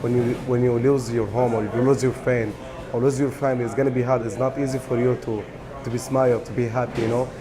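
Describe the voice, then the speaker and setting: A man who is a newcomer working at a restaurant, talking in halting, broken English in a news feature interview. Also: medium pitch, little pitch movement, a crowd in the background. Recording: music bed under voice. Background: music.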